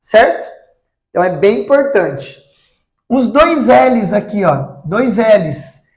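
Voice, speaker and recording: Slow, patient man teaching in an echoey room. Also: high voice, big pitch swings. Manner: patient, repeats each example word slowly, tags lines with "tá?". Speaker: Spanish teacher. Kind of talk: recorded online language lesson. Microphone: close mic he speaks into for examples.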